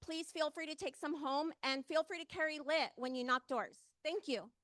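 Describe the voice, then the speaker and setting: Female campaigner, high forceful voice, urgent and direct public appeal. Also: normal speed, no room sound, clean studio sound. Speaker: ballot measure campaigner. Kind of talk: short public advocacy speech.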